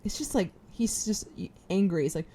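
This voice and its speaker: A young adult woman co-hosting a podcast in casual chat, animated and exclaiming, humming tunes. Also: medium pitch, moderate pace, slightly rough. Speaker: podcast co-host.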